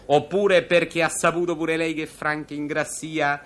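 A man hosting a comic radio sketch, cracking jokes and laughing loudly at them. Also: a little high, level tone, normal speed. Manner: joking, laughs loudly at his own puns. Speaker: comic host.

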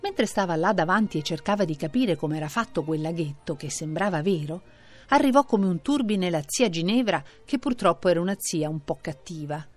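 A woman narrating a traditional children's story in an expressive reading voice. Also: lowish voice, a little fast, faint music behind.

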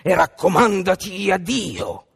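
A woman voicing Bluebeard, a cruel nobleman who shouts slow, drawn-out threats in a radio fairy tale. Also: lowish voice, very animated, gravelly, noisy background, exaggerated voice. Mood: cold. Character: cruel bearded nobleman, menacing and impatient.

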